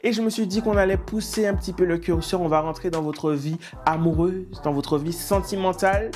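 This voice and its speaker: A man's voice: high-pitched, fairly quick, darkish tone, faint music behind. A man hosting a reaction video, reading viewers' dating stories aloud with teasing, mock-outraged asides.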